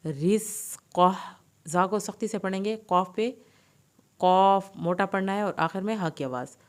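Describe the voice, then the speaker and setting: A woman teaching Quran recitation, slowly drawing out verses and then briskly explaining pronunciation rules. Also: medium pitch, clear, resonant tone. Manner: slow drawn-out recitation alternating with brisk explanations.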